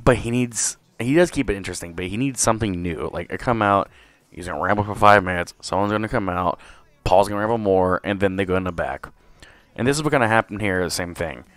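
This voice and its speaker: A man hosting a solo podcast review, talking casually with lots of fillers and swearing, his voice a bit hoarse. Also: on the low side, quick pace, a bit bright, no echo. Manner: rambling, profane, with many fillers. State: slightly hoarse. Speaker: podcast host.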